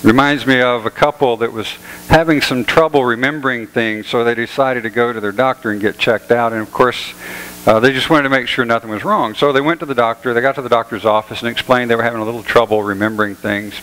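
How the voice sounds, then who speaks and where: A pastor giving a sermon in a church, telling jokes in an easygoing, folksy way. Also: male voice, medium pitch, fairly even intonation, fast talker, fairly bright tone, long reverb tail, low-quality recording. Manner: folksy storytelling, easygoing humor. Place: church sanctuary.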